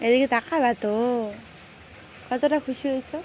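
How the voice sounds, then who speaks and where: A woman homemaker, chatting casually to her viewers about her day and her household chores in a hushed voice. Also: sits high, fairly even intonation, normal speed, a little hiss or hum. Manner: talks softly in a hushed voice; chatty, runs through daily chores. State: hot and sweaty. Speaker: lifestyle vlogger and homemaker. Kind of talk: casual chatty vlog narration. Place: rented village home, indoors and outdoors.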